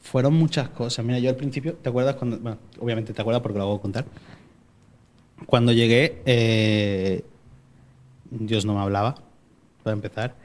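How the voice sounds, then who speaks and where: A young man with a Málaga Spanish accent and Mexican traces, born in Mexico and raised in Spain, shares his faith story in casual podcast conversation. He hesitates and restarts a lot, speaking at a moderate pace in a medium pitch with long pauses.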